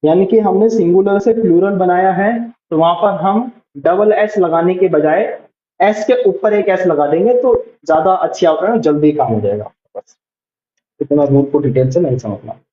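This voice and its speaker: High-voiced man teaching shorthand in a roomy space. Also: moderate pace, lo-fi sound, a little hiss or hum. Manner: explains patiently, repeating each word as he writes it. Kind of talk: online lesson.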